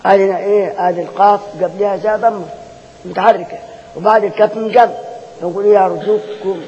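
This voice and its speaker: High-voiced Egyptian man teaching in a hall. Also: steady tone, quick pace, a little mellow, slight background noise. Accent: Egyptian Arabic. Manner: keeps asking rhetorical questions and repeating points to drill students. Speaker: Quran recitation teacher. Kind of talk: classroom lecture on recitation rules. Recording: dull lo-fi sound with long hall reverb.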